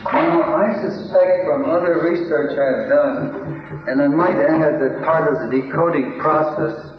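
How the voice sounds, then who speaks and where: A man giving an anecdotal lecture to an audience, telling stories in a wry way and chuckling at his own tales. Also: mid-range voice. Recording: roomy, dull lo-fi recording.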